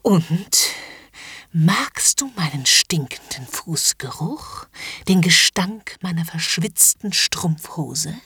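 A woman's voice: medium pitch, lively intonation, unhurried, no room sound, studio quality. A woman voicing a haughty, domineering upper-class lady in a commanding, mocking whispered role-play.

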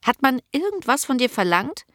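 A woman voicing a calm young noblewoman who speaks patiently and reassuringly. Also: high voice, moderate pace, dry recording, clean studio sound, pitched above the performer's own voice.

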